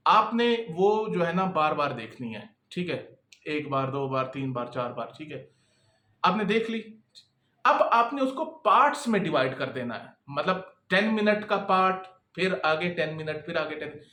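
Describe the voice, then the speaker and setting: A man's voice: a little high, sing-song, unhurried, sharp tone. A man coaching freelancers in casual, repetitive talk that keeps checking in with the listener. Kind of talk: casual advice talk to camera. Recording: echoey room.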